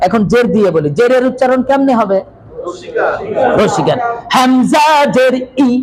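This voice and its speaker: Loud chanting teacher in a noisy classroom. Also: male voice, very high voice, lively intonation. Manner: calls out syllables loudly in slow drawn chant, repeats for students. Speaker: Quran reading teacher. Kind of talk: classroom lesson, drilling letter sounds. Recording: noisy room with crowd of students.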